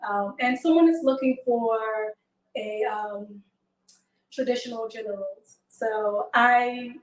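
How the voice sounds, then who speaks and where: A woman in her twenties from Haiti, a guest on a call-in show, speaking softly and hesitantly with many fillers. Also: fairly high pitch, takes it slowly, roomy sound, distant mic, rough recording. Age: 20s. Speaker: show guest seeking a partner. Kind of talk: casual call-in chat.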